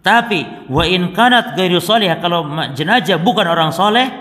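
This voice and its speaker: A male religious teacher with a slightly high voice, reciting Arabic passages and explaining them to his congregation. His voice echoes with a long reverb through a large hall. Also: lively intonation, moderate pace, fairly bright tone. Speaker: Islamic teacher. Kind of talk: religious study lesson.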